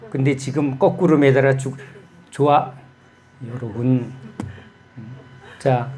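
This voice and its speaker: A man's voice: mid-range voice, a little mellow, slight background noise. A man preaching a sermon as pastor, telling stories and putting rhetorical questions to his congregation.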